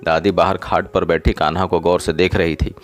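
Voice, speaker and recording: Steady male storyteller, low voice, faint music underneath; earnest short-story narration. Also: moderate pace.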